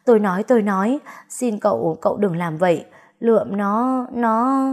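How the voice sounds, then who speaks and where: A timid female maid, frightened of her master, played by a woman storyteller. She stammers and hesitates over her words, her voice pitched a little above the narration. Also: lively intonation, moderate pace, darkish tone, natural voice. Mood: begging.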